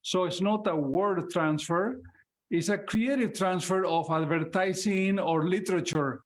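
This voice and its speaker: An Argentine poet and translator speaks and reads his poems at an online open mic. His voice sits high, his Argentine Spanish accent is clear, and he takes his time.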